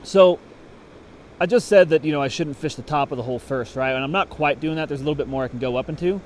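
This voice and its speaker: A man's voice: on the high side, quick pace, darkish tone, a little hiss or hum. Man teaching fly fishing on a creek. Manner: casual, explanatory, thinking aloud. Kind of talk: on-the-water instruction. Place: outdoors at a creek.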